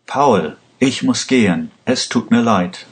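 A man's voice: medium pitch, lively intonation, takes it slowly. A man voicing a young male prisoner who speaks urgently, in a read-aloud story. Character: young male prisoner, desperate but loyal.

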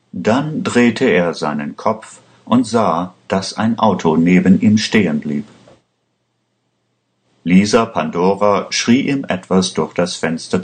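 Ein Mann liest eine Geschichte gemessen und gleichmäßig vor. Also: male voice, sits low. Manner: measured, even reading. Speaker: narrator. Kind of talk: scripted story narration.

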